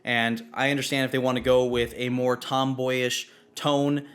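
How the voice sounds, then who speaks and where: A man's voice: medium pitch, flat delivery, normal speed, fairly bright tone. Blunt, opinionated male film reviewer. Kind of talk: spoken movie review.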